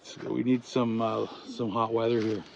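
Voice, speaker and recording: A man talks casually and haltingly, thinking aloud as he explains hands-on work. His pitch sits in the middle to high side for a man. The sound is dull outdoor camera audio with faint noise behind him. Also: level tone, gravelly, darkish tone. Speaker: log cabin builder and vlogger. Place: outdoors at a cabin building site.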